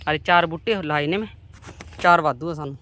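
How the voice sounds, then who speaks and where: A woman's voice: low-pitched, a little fast, a bit bright. A woman, chatting homely to viewers as she walks outdoors through her farm's vegetable plots. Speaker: vlogger. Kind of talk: casual farm vlog talking to viewers.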